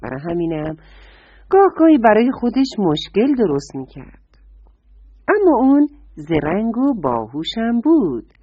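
A woman reads a bedtime story to young children, tender and warm as she speaks to them. Her voice is breathy with very lively pitch, and the recording is dry, dull and lo-fi with no echo.

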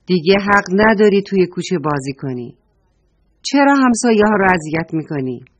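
A woman's voice: low voice, lively intonation, voice pushed down. A woman voicing a village mother who apologizes for her son and then scolds him firmly. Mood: stern.

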